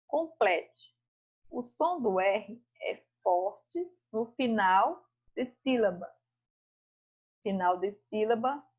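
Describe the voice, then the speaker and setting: A woman's voice: medium pitch, breathy edge. A woman teacher, going over school exercises in a recorded lesson, reading each task aloud and explaining it patiently. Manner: reads tasks aloud, then explains slowly and patiently. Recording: muffled home recording.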